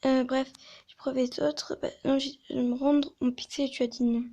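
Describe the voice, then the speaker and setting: A woman telling a story in a casual video, talking quietly and hesitantly with many fillers and restarts. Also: high voice, little pitch movement, normal speed. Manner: soft-spoken, quiet. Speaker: video creator.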